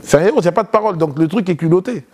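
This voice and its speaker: A man tells a story as a guest in a casual interview. His voice sits a little high, and he talks in an animated, lively way. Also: racing, breathy edge. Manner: animated, acts out quotes in a loud high voice.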